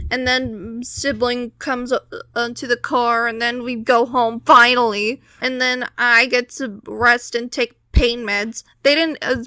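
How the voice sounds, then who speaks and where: High, bright teenage girl telling stories. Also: no room sound. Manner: wry, exasperated complaining, acting out quotes. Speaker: vlogger telling a personal story. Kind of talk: casual storytelling.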